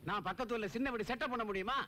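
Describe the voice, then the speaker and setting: An actor playing a cheeky friend in a comic film, teasing and handing out bold advice. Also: male voice, very high voice, very fast, pushed and bright, a little hiss or hum.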